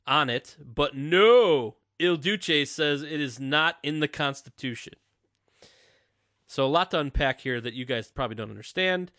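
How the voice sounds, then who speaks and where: A man's voice: a little high, a bit bright, no room sound. Podcast host guy, jokey, reads emails, dry close mic. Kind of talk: casual podcast chat.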